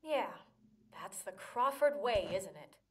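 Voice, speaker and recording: A woman's voice: mid-range voice, expressive, slow pace, distant mic. An actress playing a distressed, desperate woman in a video game drama, emotional and pleading. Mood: bitter, urgent.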